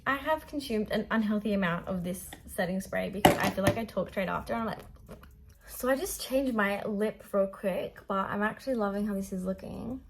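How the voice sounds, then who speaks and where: A woman's voice: mid-range voice, fairly quick, a little hiss or hum. A young adult Australian woman chatting casually through a makeup vlog in a bubbly, gushing, slangy sorority-girl manner. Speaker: beauty vlogger.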